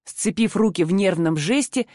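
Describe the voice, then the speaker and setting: A woman reading a novel aloud in an even, steady first-person narration. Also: mid-range voice, moderate pace, no room sound, studio quality. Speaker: audiobook narrator.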